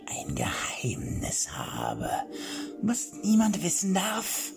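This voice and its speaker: A man voicing a deranged old male king in an audiobook, with a high, shrill, old-sounding voice that drops into manic whispers. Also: wildly swooping pitch, slow, exaggerated voice. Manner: manic, sing-song, sudden whispers and shrieks. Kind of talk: audiobook character voice. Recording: clear background music.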